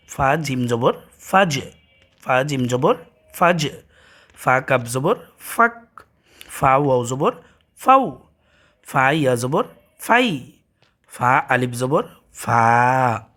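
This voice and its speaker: A man with a Bangladeshi accent teaching a Quran reading lesson, sounding out letter pairs slowly and repeating each drill. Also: fairly high pitch, fairly bright tone. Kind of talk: slow recitation lesson with drills.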